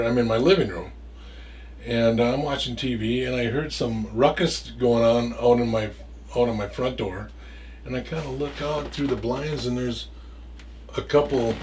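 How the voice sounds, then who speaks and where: A man spins a loose, casual story, tripping over his words and repeating himself as he goes. He swears freely and never polishes a sentence. His voice sits at an ordinary middle pitch and is picked up from a little way back from the microphone. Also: distant mic.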